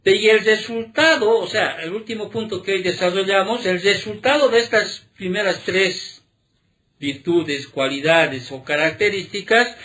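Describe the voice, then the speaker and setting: A male pastor preaching a sermon, throwing rhetorical questions at the congregation and checking in with "¿sí?", stressing key words slowly. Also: high voice, fairly bright tone. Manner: emphatic, drawn-out key words.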